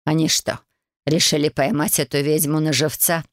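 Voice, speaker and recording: A woman voicing a gruff old grandmother witch. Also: low-pitched, fairly even intonation, no room sound, clean studio sound, lightly acted. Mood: stern. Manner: slow, gruff and reproachful. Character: stern scolding grandmother witch over eighty.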